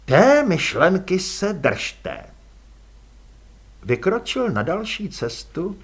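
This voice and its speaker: A man narrating an audiobook in an expressive, dramatic reading style. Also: medium pitch, breathy edge. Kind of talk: scripted narration.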